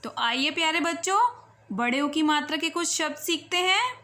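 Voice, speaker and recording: High-voiced teacher drawing out every vowel. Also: female voice, sharp tone. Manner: stretches vowels slowly and clearly, coaxing children to repeat. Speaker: primary school Hindi teacher. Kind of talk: children's phonics lesson.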